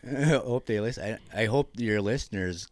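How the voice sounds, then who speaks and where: A man with an Upper Peninsula Michigan accent, talking in a relaxed, rambling way as an interview guest, with lots of restarts. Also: fairly low pitch, a little slow, slight background noise. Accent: Upper Peninsula Michigan (Yooper). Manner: rambling, enthusiastic, many restarts. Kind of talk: casual conversation.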